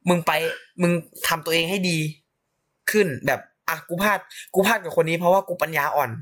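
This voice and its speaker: A man's voice: a little high, fairly quick, a bit bright. A young man hosting a casual podcast with friends, talking bluntly in crude slang while giving frank advice. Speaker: podcast host.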